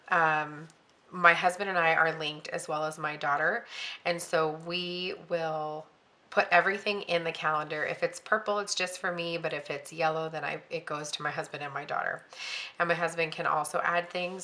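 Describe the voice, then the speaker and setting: A middle-aged woman with a bright, crisp edge to a lowish voice, chatting through her week's schedule. She thinks aloud as she goes, filling pauses with ums and correcting herself mid-sentence. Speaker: planner vlogger. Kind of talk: casual planning walkthrough.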